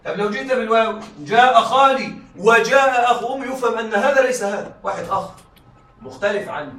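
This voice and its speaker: A man's voice: very high voice, fast talker, pushed and bright. A man teaching a rhetoric lesson to a class, often stopping to check that the students follow and repeating his examples. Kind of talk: classroom lecture. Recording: echoey room, mic far off, faint noise.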